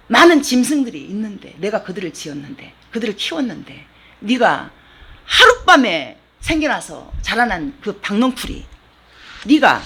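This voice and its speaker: A woman's voice: a little high, pushed and bright, a little hiss or hum, full character voice. A woman preacher voicing God as He rebukes a sulking prophet with pointed questions.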